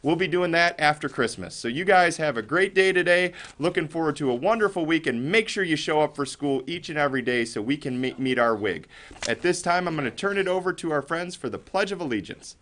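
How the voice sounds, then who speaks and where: A man's voice: fairly high pitch, animated, fairly quick, a bit bright. A man with an American accent giving upbeat school morning announcements, encouraging and speaking directly to children. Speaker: elementary school staff announcer and club leader.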